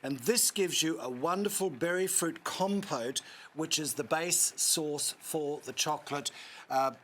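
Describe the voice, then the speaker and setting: A man's voice: a little high, unhurried, fairly bright tone, a little hiss or hum. A man with a New Zealand accent demonstrating a recipe on a cooking show, chatty and instructive with joking asides.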